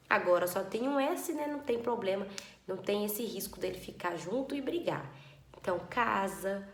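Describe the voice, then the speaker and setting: A woman teaching young children a spelling lesson, patient and drawn-out, stretching words syllable by syllable. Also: medium pitch, echoey room.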